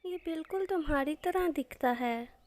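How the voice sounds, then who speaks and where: A woman's voice: high voice, measured pace, a little mellow. A woman voicing a curious, chatty female pigeon in a cartoon story.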